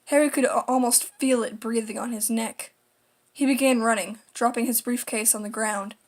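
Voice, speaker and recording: A woman narrating a scripted horror story in a deliberate, dramatic storytelling manner. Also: fairly high pitch, fairly even intonation.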